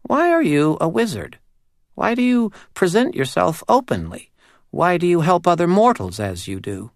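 A man's voice: high voice, very animated, moderate pace, creaky, no room sound, studio quality, voice pushed up, heavily acted. A male narrator voicing a small, prim female doll spirit who questions solemnly.

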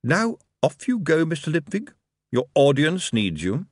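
A man reading an audiobook, voicing a cold, precise male city ruler who speaks in a measured, quietly threatening way. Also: on the high side, wildly swooping pitch, no room sound, clean studio sound, voice pushed up, heavily acted. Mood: amused.

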